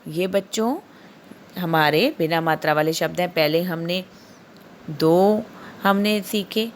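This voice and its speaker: A woman's voice: on the low side, takes it slowly, slight background noise. A woman teaching a recorded Hindi lesson to small children, stretching out each syllable and repeating every word twice for them to copy. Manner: addresses the children often, asks them questions. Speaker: primary school teacher.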